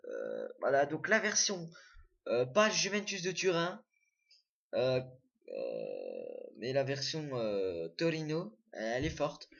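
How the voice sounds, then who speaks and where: A man's voice: mid-range voice, creaky, fairly bright tone, lo-fi sound. A young man casually commenting on his own screen recording, full of fillers and self-corrections. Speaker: gaming video creator.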